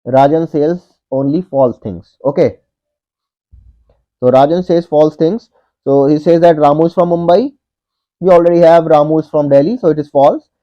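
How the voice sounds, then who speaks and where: A man in his thirties, an online tutor, working through a logic puzzle step by step, repeating each point and saying "okay" often. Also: fairly high pitch. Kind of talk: whiteboard puzzle walkthrough. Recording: dull lo-fi audio.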